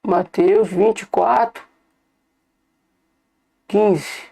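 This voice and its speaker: Brazilian online preacher, gravelly, repetitive and direct with the flock. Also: mid-range voice, steady tone, extremely slow, dark tone. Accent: Brazilian Portuguese. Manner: repetitive, keeps calling listeners "brothers", points things out. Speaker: online bible teacher. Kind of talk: informal bible study sermon.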